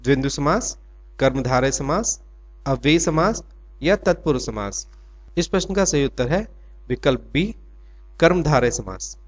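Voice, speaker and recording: A man's voice: medium pitch, lively intonation, a little slow, pauses often, soft background music. A man teaching an exam quiz lesson who asks questions and answers them himself, drawing out his example words. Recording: dull lo-fi recording.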